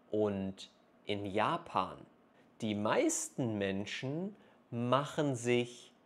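Very slow, carefully spoken man. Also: medium pitch. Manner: very slow, carefully articulated phrases with pauses. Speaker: German teacher vlogger. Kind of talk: slow, clear speech for learners. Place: small room indoors. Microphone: clip-on lapel mic.

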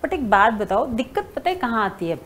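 A woman's voice: a little high, very animated, fairly quick, fairly bright tone, slight background noise. A woman teacher giving an exam-prep lesson, talking to her students fondly as she writes on a board. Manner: addresses students as "beta", writing on a board while talking. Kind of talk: online exam-prep lecture.

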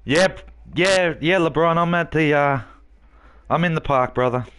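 A man's voice: a little high, unhurried, fairly bright tone, a little hiss or hum. A man live-streaming a game, brash and trash-talking, swearing and mocking a heckler.

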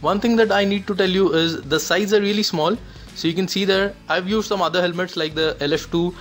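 A man's voice: high-pitched, steady tone, very slow, faint music behind. A man from India reviewing a product in a casual vlog, speaking unhurriedly and explaining while wearing a full face helmet.

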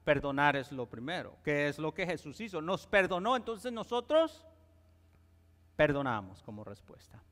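A man's voice: a little high, sing-song, moderate pace, fairly bright tone. A man preaching a sermon in a church, talking conversationally and often checking in with the congregation. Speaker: pastor. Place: church sanctuary. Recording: long church reverb.

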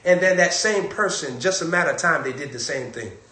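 A man preaching a sermon with a Texan accent, repeating warnings and swinging between loud calls and hushed lines. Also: fairly high pitch, lively intonation, fairly quick, reverberant.

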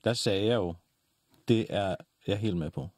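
A man talking casually as a guest, wry and quick to cut in. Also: fairly low pitch, darkish tone, no room sound, clean studio sound. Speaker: guest in couples therapy session. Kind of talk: casual conversational chat.

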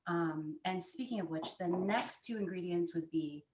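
A woman's voice: fairly low pitch, moderate pace, noisy background. A woman in her forties giving a live cooking demonstration from her home dining room, talking in a chatty, friendly way with many fillers, recorded on a camera a few steps away. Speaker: cooking instructor. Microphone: fixed camera at a distance. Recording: echoey room.

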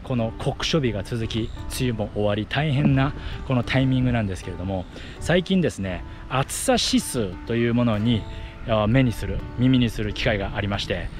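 This man, a running vlogger and athletic trainer, explains things in brief phrases while running on an outdoor path by fields, filming himself with an action camera at arm's length. His medium-pitched voice moves at a moderate pace with soft music playing behind it.

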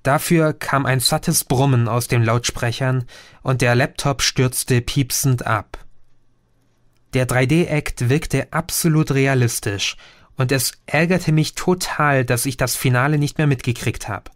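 Male audiobook narrator, unhurried first-person storytelling, dry booth sound. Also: medium pitch, dry recording. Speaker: audiobook reader. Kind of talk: scripted narration.

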